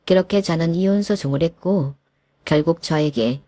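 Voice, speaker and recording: A woman narrating a first-person story in a plain, steady way. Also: low-pitched, moderate pace, dry recording, studio quality.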